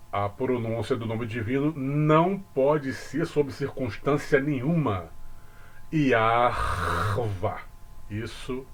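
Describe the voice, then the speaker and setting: Brazilian man, religious commentator, unhurried, deliberate explainer. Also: medium pitch. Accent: Brazilian Portuguese. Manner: deliberate, with asides to the viewer. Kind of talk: casual explanatory talk.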